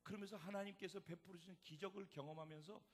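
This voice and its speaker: A man preaching a sermon as pastor, dramatic and animated, acting out the voices in the story. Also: high-pitched, fast.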